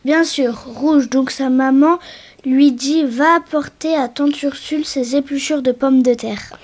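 Brief: high, playful woman telling a mixed-up children's tale. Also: steady tone, a little mellow. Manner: playful, deliberately muddled. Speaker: storyteller. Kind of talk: playful children's story reading.

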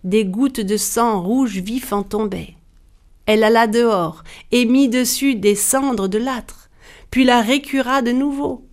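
A woman narrating a dark fairy tale in a measured, dramatic storytelling manner. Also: on the high side.

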